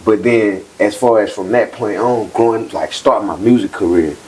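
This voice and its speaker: On a rough recording, a New Orleans rapper in his thirties guests on a casual interview, talking in a laid-back, candid, loose way and rambling with frequent "like"s. His voice is fairly low, a little mellow and slightly rough, at a moderate pace.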